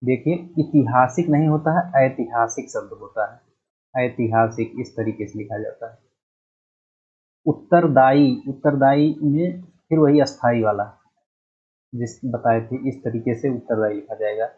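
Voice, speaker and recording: Husky man teaching a grammar lesson. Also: mid-range voice, lo-fi sound. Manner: explains deliberately, repeating the correct word. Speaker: Hindi teacher. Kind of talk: exam-prep grammar lesson.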